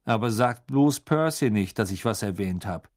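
Brief: Mann als geheimnistuerischer junger Mann, neckend. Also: male voice, fairly low pitch, animated, moderate pace, darkish tone, no room sound, clean studio sound, lightly acted. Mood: conspiratorial.

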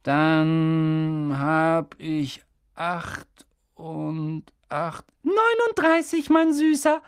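A narrator voicing a shrill, fussy aunt who dotes on her son and scolds others. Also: animated, drawn-out words, clean tone, dry recording, studio quality. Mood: doting.

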